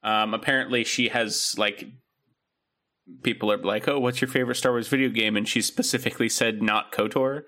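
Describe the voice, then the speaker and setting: A young man co-hosts a podcast, rambling through a casual chat packed with fillers and restarts. His medium-pitched voice is bright and forceful, steady in tone, and fairly quick.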